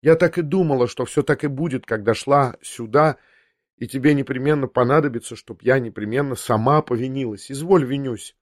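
A man reading as a quiet, proud young woman. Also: mid-range voice, a little fast, dry recording, studio quality, natural voice. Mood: quiet, sad. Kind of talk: audiobook character voice.

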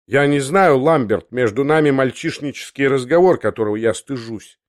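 A man's voice: mid-range voice, normal speed, lightly acted. A man voicing an agitated, hot-headed young man who breaks into indignant outbursts in an audiobook reading. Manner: excited, shouting outbursts.

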